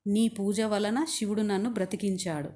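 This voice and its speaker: A woman storyteller voicing a young son who speaks in a hurried, pleading way. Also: medium pitch, fairly even intonation, mellow, lightly acted. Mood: urgent. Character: young son, revived, urgent.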